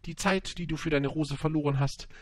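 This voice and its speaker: A man voicing a wise, tender male fox in an audiobook, speaking calmly and instructively. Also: a little high, a little fast, no echo, pitched above the performer's own voice, close to an everyday voice.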